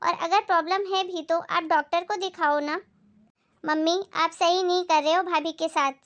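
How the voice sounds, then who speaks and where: A woman's voice: very high voice, fairly bright tone. A woman playing an outspoken young married daughter who complains about her in-laws, in a family moral skit.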